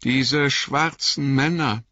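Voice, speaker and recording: A man's voice: mid-range voice, slow, dry recording, voice pushed up. A man voicing a chatty, flustered innkeeper in an audiobook reading, rambling and apologetic. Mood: ominous. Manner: rambling, apologetic, lively storytelling. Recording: dull lo-fi recording.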